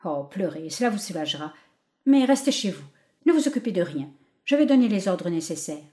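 A woman playing a grave, kindly male doctor in a storybook. He speaks low and hushed, in a soothing tone. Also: big pitch swings, brisk.

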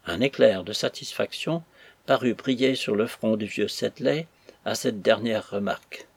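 Husky man reading an audiobook. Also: lowish voice, no echo. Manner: measured storytelling. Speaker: audiobook narrator. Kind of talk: audiobook narration.

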